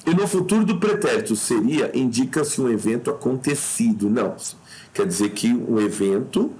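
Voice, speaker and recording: A man's voice: mid-range voice, animated, normal speed, a little mellow. A man teaching an exam review, reading questions aloud and commenting informally, often checking in with his listeners. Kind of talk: casual exam review lesson.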